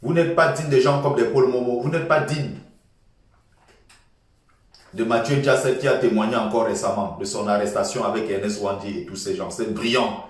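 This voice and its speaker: A man's voice: on the low side, fairly even intonation, normal speed, distant mic. Passionate man lecturing in an echoey room. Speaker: political commentator. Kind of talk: impassioned political monologue.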